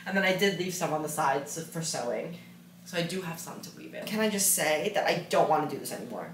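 A woman's voice: low-pitched, expressive, brisk, a little hiss or hum. A young woman chatting casually in a rambling, self-deprecating way while vlogging her crochet work. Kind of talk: casual vlog chat. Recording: echoey room.

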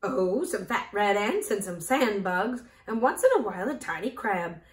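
A woman voicing a bold, matter-of-fact female talking hen in a storybook reading, loud and emphatic, in a roomy, echoey recording. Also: medium pitch, lively intonation, normal speed, recorded from a distance, lightly acted. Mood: confident. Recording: roomy echo.

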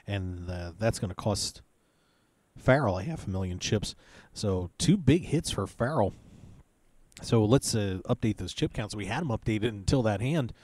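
A man's voice: fairly low pitch, lively intonation, moderate pace, a little mellow. A man hosting live poker tournament coverage, calling hands and reading chip counts in a chatty, loose play-by-play with plenty of filler words.

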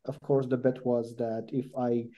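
A man, a company co-founder, gives a relaxed, informal software demo over a group video call, with frequent fillers and restarts. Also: mid-range voice, unhurried. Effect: heard over a group video call. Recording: dull lo-fi video call audio.

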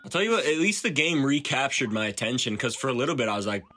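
A man's voice: mid-range voice, big pitch swings, quick pace, pushed and bright, a little hiss or hum. A young man commenting on a game with friends, wry and profane, grumbling about tedious parts. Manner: wry, profane, complains and jokes. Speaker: co-host. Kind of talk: let's play commentary.

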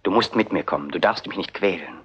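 A man's voice: low voice, brisk, a bit bright, breathy edge. An actor playing a jealous, domineering young actor who presses a woman with threats and pleas, in a German film dub. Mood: menacing. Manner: pressing, threatening, then pleading. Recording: dull lo-fi film soundtrack.

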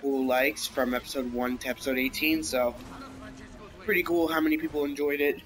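A young man talks his way through a racing game, rambling and reacting out loud between turns. His voice sits at an ordinary pitch and he keeps hiccuping, with game music faint underneath. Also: steady tone, a little fast. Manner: rambling, reacts aloud to the race. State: has the hiccups. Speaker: gameplay commentator. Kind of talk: casual let's-play commentary.

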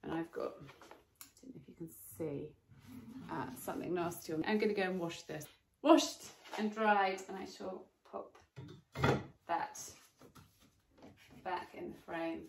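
This fairly low, unhurried voice belongs to a woman in her forties who chats her way through a cleaning how-to while working, sprinkling in lots of fillers. She's in a sunlit garden room of a home, and the recording echoes slightly with faint noise.

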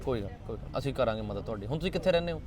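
A man's voice: mid-range voice, animated, racing, over music. A man hosting a charity street interview, consoling and reassuring the people he speaks with. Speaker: charity volunteer host.

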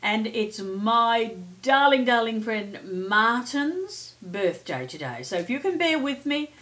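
An older woman with a bright, forceful, fairly high voice presents a daily horoscope. She is chatty and theatrical, with a playful, effusive way of addressing her listeners as darlings. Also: very animated, takes it slowly. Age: middle-aged or older. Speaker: psychic and astrology host.

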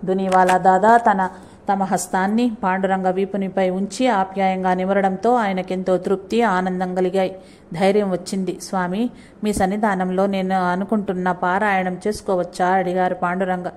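A woman reading a saint's life story aloud, in a steady, measured way, pausing to correct her own slips. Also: mid-range voice. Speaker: narrator reading a saint's biography. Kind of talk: devotional book reading.

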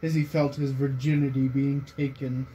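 In a small bedroom, a young man reads fan fiction aloud to his friends and tends to burst out laughing. His mid-range voice is mellow with a flat delivery at normal speed, and the casual room recording is noisy.

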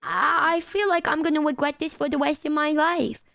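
Woman putting on a high-pitched cutesy uwu girl. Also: gravelly, fairly bright tone, no echo, studio quality. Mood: apologetic cutesy. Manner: cutesy uwu speak, drawn-out and babyish. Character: cutesy, childlike anime girl speaking uwu baby talk. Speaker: livestreamer.

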